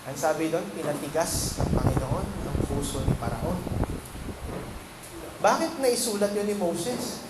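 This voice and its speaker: Filipino man, pastor, fairly high voice; asks the congregation questions as he preaches; echoey, noisy church recording. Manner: asks the congregation questions, mixes English phrases into Tagalog. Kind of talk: sermon. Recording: echoey room with background noise.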